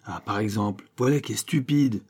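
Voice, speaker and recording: A man voicing a furious old priest schoolmaster in an audiobook, shouting heavy-accented scolds. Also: lowish voice, normal speed, breathy edge. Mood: scornful.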